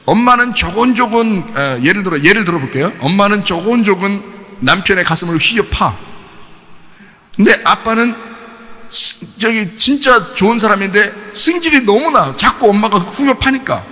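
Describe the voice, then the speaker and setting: A man preaching a sermon as pastor, animated and folksy, acting out family quarrels and dropping into casual speech. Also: high-pitched, normal speed, long reverb tail. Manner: folksy, shifts between polite and casual speech. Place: church sanctuary.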